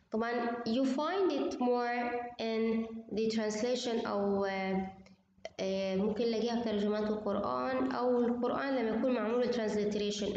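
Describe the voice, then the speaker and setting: A woman's voice: fairly high pitch, darkish tone, highs cut off. Woman lecturing in a very echoey room. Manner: switches between Arabic and English, explains patiently, drills pronunciation. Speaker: university translation lecturer. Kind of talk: recorded online lecture. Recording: very echoey room, faint noise.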